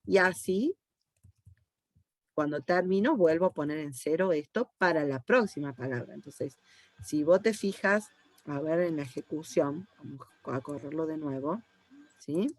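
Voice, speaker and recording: With a low, slightly mellow voice and a measured pace, this Argentine university teacher leads an online class through code one step at a time. She's patient, regularly checking in with a "¿sí?", and there's no echo.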